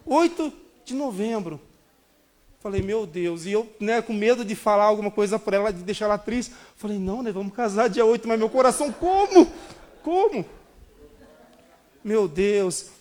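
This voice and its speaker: A Brazilian man in his thirties preaching a sermon, telling a personal story in an animated way and calling the congregation brothers. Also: high voice, fairly quick. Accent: Brazilian Portuguese. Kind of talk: sermon testimony.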